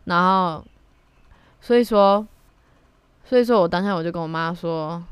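A young woman talks casually into a close podcast mic. Her voice is low and smooth, and the sound is dry and close. She is frank and reflective and drops in blunt slang now and then. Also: moderate pace, no room sound. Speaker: podcast host. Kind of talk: casual solo podcast monologue.

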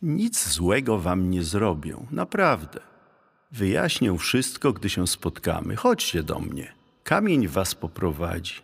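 A man's voice: low voice, huge pitch swings, slow pace, creaky, husky, long reverb tail, full character voice. A man voicing a young female ghost who speaks through a stone, pleading in a melodic way.

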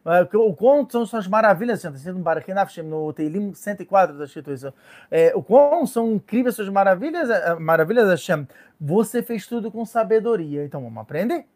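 A man with a Brazilian Portuguese accent giving an informal Torah lesson as a rabbi, lively and joking, often acting out little voices. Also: high voice. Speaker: rabbi teaching a Torah class.

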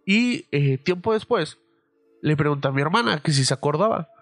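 A young man with a Mexican accent, telling a story casually on his podcast, swearing freely and filling pauses with "eh". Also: on the high side, lively intonation, no room sound. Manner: profane, loose, full of fillers. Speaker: podcast host.

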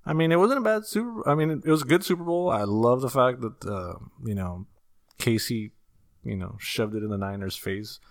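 A man's voice: medium pitch, animated, normal speed, no room sound, studio quality. A man in casual chat, laid-back and swearing freely, calling his friend dude.

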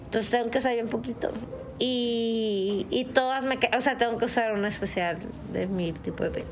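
A woman's voice: a little high, normal speed, noisy background. A young woman with a northern Mexican accent hosting a podcast, chatting casually in crude, informal slang. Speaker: podcast host. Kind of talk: casual chat.

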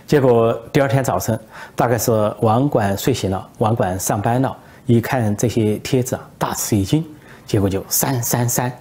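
A male political commentator spinning a satirical tale in a relaxed storytelling way, with frequent hesitations. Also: mid-range voice, moderate pace, slightly rough.

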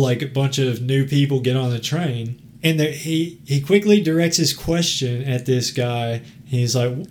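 A man hosts a casual podcast chat, telling a story that wanders and restarts as he laughs his way through it. He swears freely, and his voice sits at an ordinary middle pitch for a man. A faint hiss runs quietly underneath. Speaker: podcast host.

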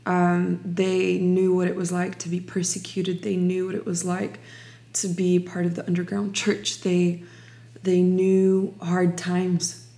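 A young woman from Ukraine shares her testimony in a slow, deliberate way, often restarting her sentences as she gathers her thoughts. Her voice sits low for a woman and stays fairly even, with little rise and fall. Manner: slow, reflective, many restarts. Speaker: guest sharing testimony. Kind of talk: personal testimony interview.

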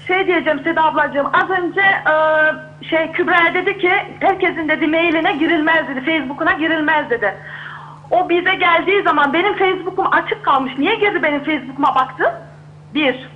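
A woman's voice: extremely high pitch, brisk, phone-quality sound. A middle-aged woman calling in by phone, defensive as she retells a conversation line by line. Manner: defensive, retelling with quoted dialogue. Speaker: caller. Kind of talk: phone-in to a talk show.

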